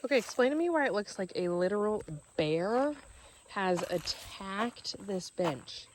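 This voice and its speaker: A woman's voice: medium pitch, animated, a little slow, a little hiss or hum, poor audio. A woman from Missouri chatting casually to the camera outdoors on a trail, talking to her dog as she goes. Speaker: vlogger. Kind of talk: casual on-camera vlog chat.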